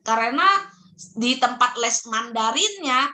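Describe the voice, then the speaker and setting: A middle-aged woman, a parenting guest who tells stories in lively casual talk and acts out voices. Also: fairly high pitch, a little slow. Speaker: podcast guest, parenting practitioner.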